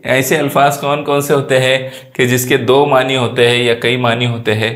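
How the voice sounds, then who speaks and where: Man teaching a lesson in an echoey room. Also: a bit bright. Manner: explanatory, rises in pitch to stress points. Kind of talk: classroom lesson.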